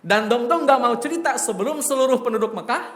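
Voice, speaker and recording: A man preaching, telling a story in a lively, joking way and addressing his listeners directly. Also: very high-pitched, fast talker. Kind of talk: sermon storytelling. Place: mosque hall. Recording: echoey mosque hall.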